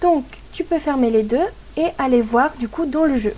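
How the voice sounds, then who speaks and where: A woman with a high, mellow voice talks through a game tutorial in a relaxed voice-over style. She explains step by step in a chatty way, often hesitating mid-sentence. Her tone is soft and warm rather than bright. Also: normal speed. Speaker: gaming tutorial host.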